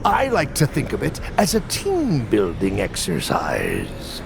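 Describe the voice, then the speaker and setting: A man voicing a menacing, grandiose undead pirate captain in a video game, gravelly and commanding, speaking in pirate dialect. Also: lowish voice, huge pitch swings, slow, noisy background, heavily acted.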